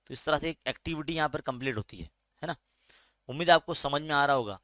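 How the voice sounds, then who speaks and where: A man's voice: fairly high pitch, quick pace, pushed and bright, dry recording, studio quality. A man teaching a school maths lesson step by step with an Indian Urdu-medium accent, patiently checking in with his students as he goes. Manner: explains patiently, often asks "है ना?".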